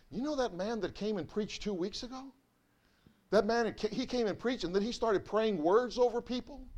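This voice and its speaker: A male pastor with a high voice speaks to his congregation in a church. He preaches conversationally, circling back and repeating phrases as he pours out his feelings. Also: a little mellow. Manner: conversational, repetitive, emotional preaching. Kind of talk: sermon. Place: church sanctuary.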